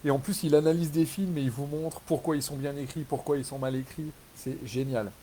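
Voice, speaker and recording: A man with a dark, mellow voice chats casually and eagerly with readers, circling back and restarting his sentences often. He gets lively when he retells a story. A faint hiss sits under the recording. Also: a little high, brisk, rough recording. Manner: rambling, enthusiastic, many fillers and restarts; animated when retelling scenes. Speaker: author hosting a live reader Q&A. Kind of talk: casual live chat.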